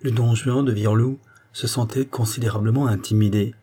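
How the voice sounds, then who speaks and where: A man narrating a classic novel as an audiobook in a calm, measured way. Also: mid-range voice, slightly rough.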